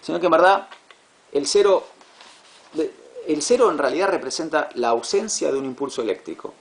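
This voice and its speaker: A man teaching a class, patient and repetitive, checking understanding with quick questions. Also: fairly high pitch, animated. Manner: patient, repeats words, asks "¿sí?" to check. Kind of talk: classroom lecture.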